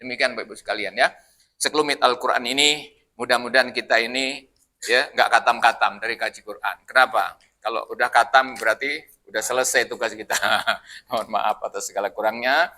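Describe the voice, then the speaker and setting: A man's voice: medium pitch, fairly even intonation, brisk, pushed and bright. A man preaching at a mosque study session, joking and asking his congregation questions in a loose, conversational way. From Indonesia. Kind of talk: Quran study sermon.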